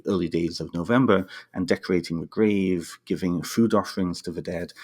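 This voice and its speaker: A man's voice: low voice, vocal fry, a little mellow. A man in his thirties, originally from North Wales, speaking as a podcast guest and author, explaining thoughtfully with frequent restarts. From North Wales, United Kingdom. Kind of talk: casual interview answers. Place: home, dog barking at times.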